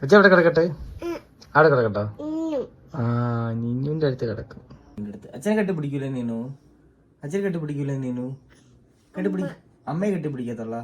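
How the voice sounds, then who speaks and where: A woman's voice: sits low, expressive, a little fast, pauses often. A woman vlogging with her family, coaxing a toddler in sing-song baby talk. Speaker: parent vlogger.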